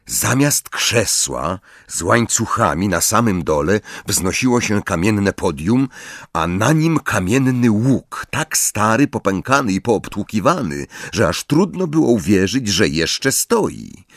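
A man narrating a fantasy audiobook in an expressive, dramatic manner. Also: on the low side, slow, vocal fry, dry recording, clean studio sound.

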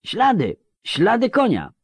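A man voicing a cheeky, stubborn young girl in a read-aloud story, high and shrill. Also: very animated, moderate pace, no room sound, clean studio sound. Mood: shouting, insistent.

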